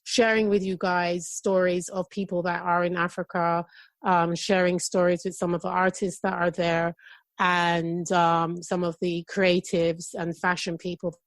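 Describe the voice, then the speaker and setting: A middle-aged woman from England with a London accent touched by Jamaican patois, chatting excitedly and rambling as a podcast guest. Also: lowish voice, measured pace, no room sound. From United Kingdom. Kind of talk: casual chat.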